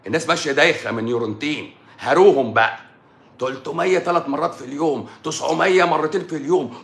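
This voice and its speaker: A man's voice: on the high side, creaky, a bit bright. A middle-aged man with an Egyptian Arabic accent, a doctor ranting combatively on a live stream and firing off rhetorical questions. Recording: echoey room.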